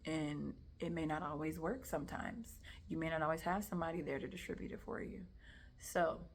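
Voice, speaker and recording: Young woman, slightly low voice, emotional personal testimony told casually, with whispered asides. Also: brisk. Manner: emotional, animated retelling with soft whispered asides. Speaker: testimony speaker.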